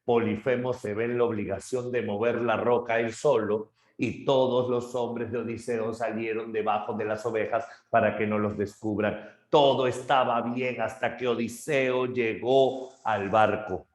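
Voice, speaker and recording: A male literature teacher retelling a story dramatically, shifting his pace and loudness, in an echoey room. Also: mid-range voice, steady tone, unhurried, few pauses. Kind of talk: lively story retelling in a lesson.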